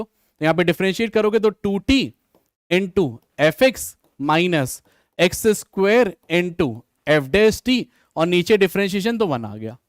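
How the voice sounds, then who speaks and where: A man's voice: high voice, no echo, clean studio sound. A man teaching maths in Hindi with English terms, solving an exam question live and talking straight to his students. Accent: Hindi mixed with English maths terms. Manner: addresses students directly, reads comments, thinks aloud. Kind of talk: live online exam solution class.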